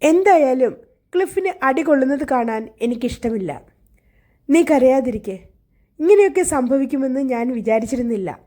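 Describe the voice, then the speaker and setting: A headstrong young girl , acted by a woman reader, speaks in a high, lifted voice that pleads one moment and scolds the next. The tone is mellow and soft-edged. She is a spirited storybook heroine. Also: expressive, normal speed. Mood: earnest. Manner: pleading, then sharply scolding.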